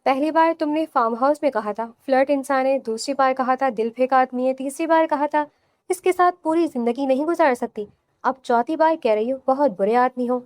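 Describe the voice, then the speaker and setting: A woman voicing a calm, amused young husband in an audio novel, teasing his bride with unhurried replies. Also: high-pitched, no room sound, clean studio sound, close to an everyday voice.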